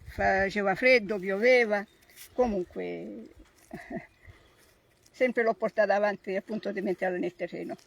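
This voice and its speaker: An older tomato grower from Sicily, speaking with a Sicilian Italian accent, describes farm work outdoors on a countryside plot in simple, homely, repetitive language. Her medium-pitched voice moves a little slowly, with vocal fry and long pauses.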